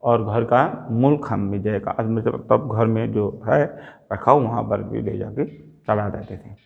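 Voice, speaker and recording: A man's voice: fairly low pitch, measured pace, creaky, phone-quality sound. A man from Nepal, a native Nepali speaker, preaching a sermon and telling a childhood story, acting out the dialogue. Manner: animated storytelling, acts out quoted dialogue.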